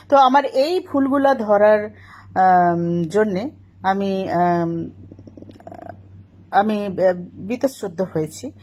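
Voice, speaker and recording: A woman's voice: medium pitch, darkish tone. A middle-aged woman talking to camera, correcting other people's pronunciation in a lecturing tone. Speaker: vlogger answering critics.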